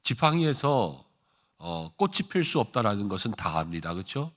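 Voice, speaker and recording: Middle-aged male pastor, somewhat low voice; easygoing sermon delivery, asks the room questions, fills pauses with "uh.". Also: big pitch swings, fairly bright tone. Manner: conversational preaching with frequent "uh" fillers and rhetorical questions. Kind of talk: early-morning prayer sermon.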